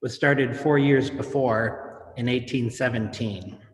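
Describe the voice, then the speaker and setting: A man's voice: medium pitch, takes it slowly. A man delivering a prepared, explanatory speech on local history as an event speaker. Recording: echoey, reverberant sound with faint background noise.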